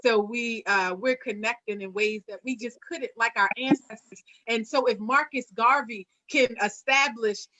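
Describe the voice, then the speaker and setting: A woman's voice: fairly high pitch, normal speed, few pauses, sharp tone, lo-fi sound. A woman hosting an online panel, speaking earnestly with a preacher-like cadence and frequent fillers. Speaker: host; singer.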